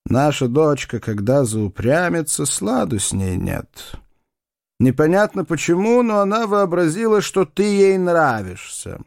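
A man voicing a stern, pompous older father, a doctor who lectures in measured, condescending tones. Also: fairly high pitch, very animated, vocal fry, no echo, studio quality, pitched above the performer's own voice, heavily acted.

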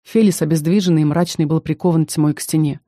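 Female audiobook narrator, measured first-person fantasy reading, warm mellow voice, dry studio sound. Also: deep voice, steady tone, no echo.

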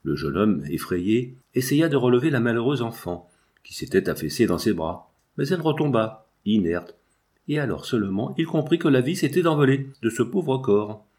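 A man's voice: medium pitch, expressive, moderate pace, darkish tone. Man narrating a classic novel. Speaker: audiobook reader.

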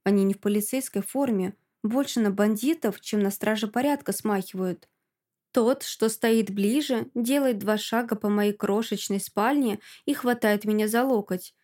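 A woman narrating a first-person audiobook in an expressive, dramatic way. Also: medium pitch, normal speed. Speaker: audiobook reader.

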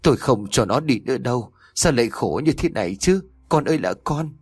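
A man's voice: on the low side, lively intonation, moderate pace, no room sound. A man reading the lines of a frightened, tearful old mother. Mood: anxious. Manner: anxious.

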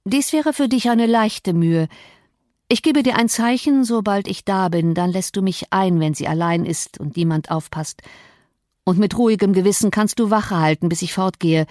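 A woman voicing a brooding, domineering and violent grown man in an audiobook, forceful and threatening. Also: medium pitch, moderate pace, no room sound, studio quality, close to an everyday voice. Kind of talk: audiobook reading.

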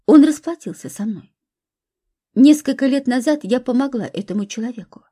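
A woman's voice: high-pitched, expressive, moderate pace, dark tone, husky. A woman voicing a caring, protective young woman in a storybook reading, speaking earnestly.

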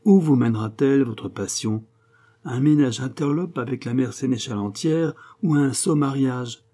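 A jaded man of letters mocks and lectures his younger friend in a raised, husky, dark voice, as a male reader puts him on. His tone is sarcastic and worldly. The voice is pitched well above the reader's own. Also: normal speed, close to an everyday voice. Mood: lecturing. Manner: mocking, lecturing, animated. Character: sarcastic worldly middle-aged male writer.

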